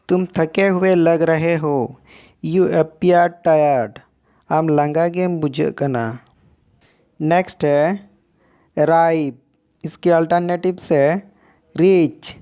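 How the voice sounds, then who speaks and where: An English teacher giving a vocabulary lesson in a steady, methodical way, saying each English example sentence very slowly, word by word. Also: mid-range voice, clear, resonant tone.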